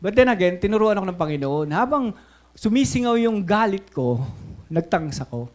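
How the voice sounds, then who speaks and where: A Filipino male pastor delivers a lively sermon in a notably high voice. He tells stories with animation, slips between English and Tagalog mid-sentence and keeps asking his congregation "Okay?". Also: normal speed. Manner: animated storytelling preacher.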